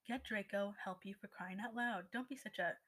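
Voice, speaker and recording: A woman voicing a brisk, scolding young woman as she reads a story aloud. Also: medium pitch, a bit bright, close to an everyday voice, low-quality recording. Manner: brisk, exasperated.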